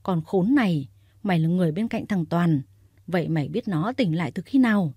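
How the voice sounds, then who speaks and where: A woman voicing a brutal, furious old man who shouts threats in a storybook reading. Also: mid-range voice, animated, moderate pace, breathy edge, no room sound, clean studio sound.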